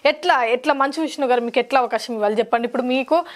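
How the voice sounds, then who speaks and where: High-voiced, pushy woman interviewer. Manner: brisk, pushy, mocking. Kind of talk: teasing audition interview.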